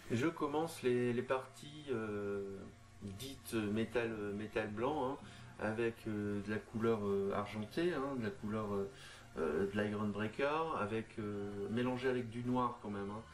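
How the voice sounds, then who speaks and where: Hesitant low-voiced man. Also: a little slow. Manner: hesitant, lots of fillers and restarts, addresses viewer informally. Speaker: miniature painting tutor. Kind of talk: casual tutorial narration while painting.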